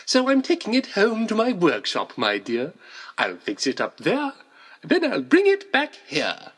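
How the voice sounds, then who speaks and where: A scheming, vain trickster god sneers and gloats over his awful plan, as a man puts him on. When fooling a child he turns to a sugary fake sweetness. The voice swoops up and down with a bright, slightly husky edge, like a storybook villain read aloud. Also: high voice, huge pitch swings, a little slow, voice pushed up, heavily acted. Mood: fake sweet. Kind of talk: storybook reading voice.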